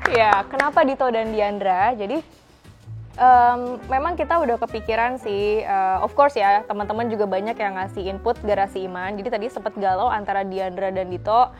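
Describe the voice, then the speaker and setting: A woman's voice: mid-range voice, moderate pace. A woman chatting informally to viewers as a channel host, answering questions and making announcements. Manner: chatty, informal, speaks directly to friends watching. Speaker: automotive presenter and channel co-host. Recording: music behind the voice. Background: background music.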